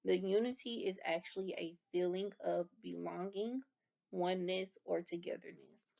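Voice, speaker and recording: Woman instructor, explains and rephrases terms, fry-heavy voice. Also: fairly low pitch, fairly even intonation, normal speed, mellow. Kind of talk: lecture review.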